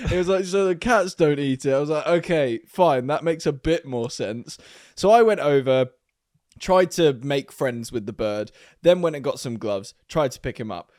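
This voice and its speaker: A young man co-hosting a podcast, telling a story in casual chat, animated and laughing as he talks. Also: mid-range voice, moderate pace, no room sound, clean studio sound. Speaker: podcast co-host.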